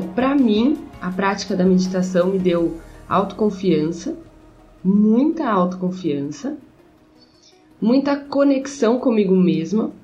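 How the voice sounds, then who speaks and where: Low-voiced woman on a muffled line. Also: darkish tone. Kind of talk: casual conversation.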